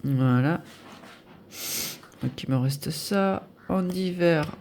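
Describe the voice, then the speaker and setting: A woman in her fifties chats to camera about her weekly spending. Her voice is gravelly and slightly stuffy and nasal, and she hesitates a lot while working out figures aloud. A faint hiss sits under the recording. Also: low voice, drawn-out words, a little mellow. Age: 50s. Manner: chatty, hesitant, many fillers, thinking aloud while adding sums. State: nasal from air conditioning. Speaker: budget vlogger. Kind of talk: casual budget review to camera.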